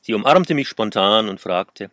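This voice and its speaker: A man narrating a first-person story in a measured, calm way. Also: fairly low pitch, no room sound, studio quality.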